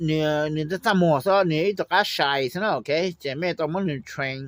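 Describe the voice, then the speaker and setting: Speaking briskly in a fairly high voice with no echo, a poultry trainer hands out advice on raising birds. The lesson is casual, sprinkled with English phrases, and he often checks in with listeners.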